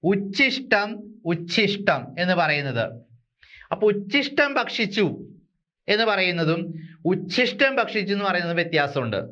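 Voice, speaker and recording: A man from Kerala teaching an exam-prep language lesson, repeating words slowly and asking his listeners rhetorical questions. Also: sits high, very animated, bright, forceful tone, muffled recording. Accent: Malayali.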